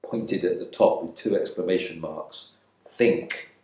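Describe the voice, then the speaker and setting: The voice is low and darkish, unhurried, echoing in the room as a man reads a dramatic monologue from a novel. He becomes an embittered RAF airman from England held in an Indian prison, proud and resentful, brooding in clipped phrases that sound ashamed and reflective.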